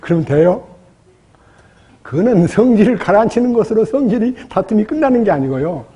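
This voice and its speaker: A man's voice: high voice, animated, fairly quick, warm tone, husky. A man preaching a sermon as pastor, asking the congregation questions and acting out prayers in his own words. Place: church.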